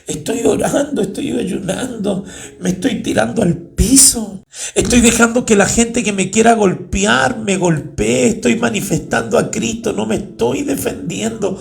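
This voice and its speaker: Gravelly-voiced male pastor preaching. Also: high voice, a little slow. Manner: emotional, builds to shouting and crying cries. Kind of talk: sermon.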